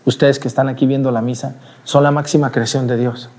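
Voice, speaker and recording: Animated priest preaching at mass. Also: male voice, mid-range voice, brisk. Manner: animated, asks the congregation rhetorical questions. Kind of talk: sermon at mass.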